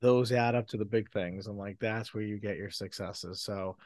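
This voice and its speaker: A man's voice: lowish voice, steady tone, a little mellow, no room sound, studio quality. A man with a Boston accent hosting a podcast, chatting casually with enthusiasm and praising his guest. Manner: enthusiastic, quick to praise, laughs often. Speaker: podcast host.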